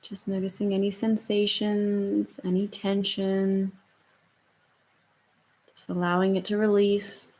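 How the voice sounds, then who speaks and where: Female meditation guide, mid-pitched, soothing hushed murmur, slow and spacious phrasing. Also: monotone. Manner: soft, soothing, slow murmur with long pauses. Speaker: yoga and meditation instructor.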